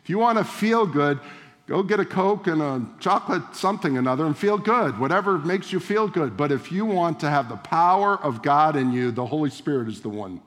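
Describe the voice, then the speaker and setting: A man's voice: fairly high pitch, lively intonation, fairly quick, a bit bright. A male pastor preaching a sermon in a conversational way, with rhetorical questions and direct address to the congregation. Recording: long reverb of a large hall.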